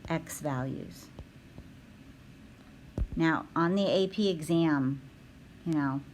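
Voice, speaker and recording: A woman teaching a recorded math lesson, talking her students through the steps out loud with frequent ums. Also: low-pitched, a little hiss or hum, low-quality recording. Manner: thinking aloud with frequent ums.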